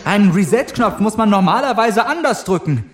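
A man voicing a spirited young woman companion in an audiobook, high and urgent. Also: animated, normal speed. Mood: frantic.

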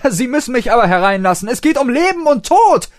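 A man's voice: mid-range voice, huge pitch swings, measured pace, darkish tone, no echo, voice pushed up. An eccentric male time traveler, as a male storyteller puts him on, bursts out in raised, bubbly exclamations. The voice sits well above the reader's own and swoops around. It sounds dry and close. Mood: excited. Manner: exclamatory, breathless enthusiasm.

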